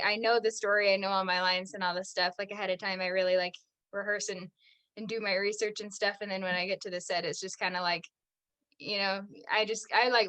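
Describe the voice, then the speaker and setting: A young American actress guesting on a podcast keeps up a chatty, casual interview, peppering everything with "like" and laughing often. Her mid-range voice sounds pushed and bright.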